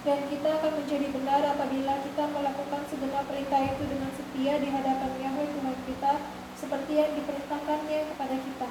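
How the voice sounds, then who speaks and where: A woman reading scripture aloud at a service, steady and even. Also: high voice, fast. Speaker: scripture reader. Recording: very echoey room with noise.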